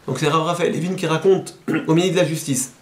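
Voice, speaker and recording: A man, a rabbi, giving a sermon and telling a story with lively, animated delivery. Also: brisk, roomy sound. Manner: animated storyteller, voices quoted speakers, rises high at emotional peaks.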